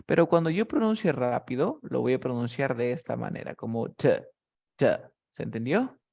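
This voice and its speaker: A man's voice: medium pitch, very animated, brisk, creaky, darkish tone. A man teaching English pronunciation one-on-one over a video call, explaining step by step and checking often that his student follows. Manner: patient, explains step by step with many checks like "¿cierto?".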